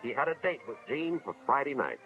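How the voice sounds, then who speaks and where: Pushed and bright, this American man's mid-range voice swings widely in pitch and moves a little fast. He acts as an earnest school official narrating a 1950s educational film in a dramatic, moralizing storytelling style. The vintage film soundtrack is dull, with music behind.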